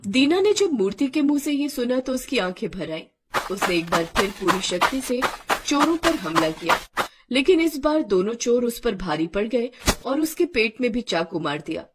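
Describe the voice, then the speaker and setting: A woman narrating an animated folk story in a dramatic, expressive storytelling style. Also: on the high side, moderate pace, background noise.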